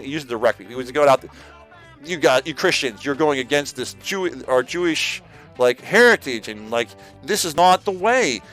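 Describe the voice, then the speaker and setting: Male streamer, casual preaching, rambling, lots of "like", lively swings in pitch. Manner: rambling, full of "like" and repeated restarts; slangy, addresses listeners as "man".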